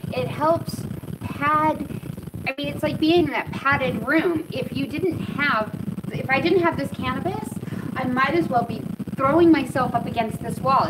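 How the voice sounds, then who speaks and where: American woman, thirties, higher voice, rambling casual vlog talk, distant mic, loud outdoor background noise. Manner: rambling, candid, trailing off. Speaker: vlogger. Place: outdoor covered patio with dogs. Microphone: camera a few meters away.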